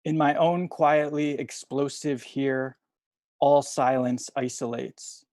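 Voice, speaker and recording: A young man reading poetry over a video call from home, soft-spoken and hesitant between poems. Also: medium pitch, fairly even intonation, takes it slowly, dry recording. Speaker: poet reading at a livestream.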